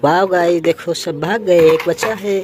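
A woman's voice: lowish voice, steady tone, measured pace, a little mellow, slight background noise. A woman narrating toy play for children, exclaiming over the toys and coaxing them like little kids.

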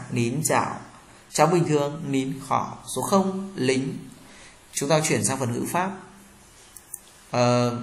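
A man teaching a Chinese lesson, reading words and short dialogues slowly and explaining grammar. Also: medium pitch. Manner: slow, clear drilling of words, explains grammar. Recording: echoey room.

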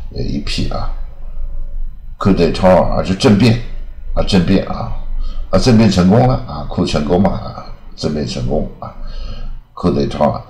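A man from Taiwan teaching English pronunciation in a casual recorded lesson, repeating words slowly and tagging phrases with drawn-out fillers. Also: a bass voice, darkish tone, roomy sound. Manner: drawn-out repetitions with frequent "啊" fillers.

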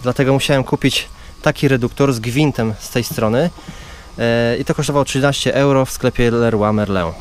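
A man talks his viewers through a job in a relaxed, explanatory vlog voice, recorded outdoors on a body-worn camera at a campsite. His pitch sits in a middle range. Faint outdoor noise runs behind him. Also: brisk. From Poland. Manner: chatty, explaining step by step to viewers. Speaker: vlogger and father. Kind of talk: casual how-to vlog narration. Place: outdoors at a campsite beside a caravan.

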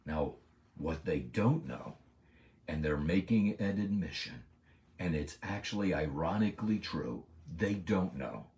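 A man giving a Bible lesson as a sermon, preaching emphatically and slowing down hard on key words. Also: rumbling low, lively intonation, darkish tone. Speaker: Bible teacher. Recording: voice a bit far from the mic.

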